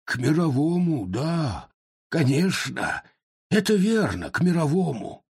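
A man voicing an old male street performer who pleads helplessly, with a croaky falsetto when he calls out. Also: sing-song, takes it slowly, no room sound, studio quality, heavily acted. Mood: dismayed, helpless. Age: older.

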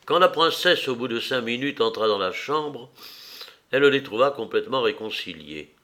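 A man reading a classic novel aloud as an audiobook narrator, measured and expressive. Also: medium pitch. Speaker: audiobook reader.

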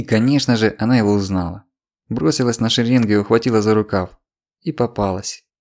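Gravelly male audiobook narrator. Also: lowish voice, darkish tone.

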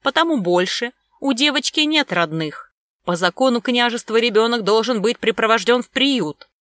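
A woman's voice: on the high side, lively intonation, normal speed, a bit bright, no echo, pitched above the performer's own voice. A woman playing a stern, cold male government clerk who lectures and gives orders in an audiobook. The recording is dry.

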